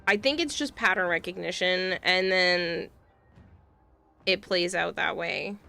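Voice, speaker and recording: A woman's voice: lowish voice, a little slow, creaky, pushed and bright, soft background music. A young adult woman streamer chatting casually and rambling with lots of fillers during a livestream.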